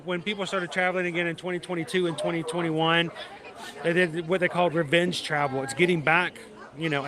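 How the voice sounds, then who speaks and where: A man with a fairly high voice hosts a casual livestream. He chats reflectively to viewers as if they were friends. He is outdoors, with clear crowd and vehicle noise behind him. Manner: chatty, reflective, addresses viewers by name. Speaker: livestream host. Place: outdoors at a theme park.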